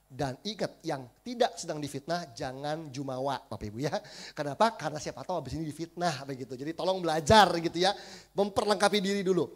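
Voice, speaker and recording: Male pastor preaching in church, fairly high voice, chatty and animated, tells stories. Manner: conversational preaching, addresses congregation often, animated storytelling. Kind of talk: sermon. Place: church service.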